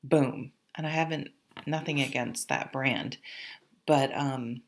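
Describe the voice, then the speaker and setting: A woman's voice: rumbling low, fairly even intonation, slow pace. A woman giving a casual, conversational tarot horoscope reading, rambling informally with offhand asides. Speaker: tarot reader, channel host.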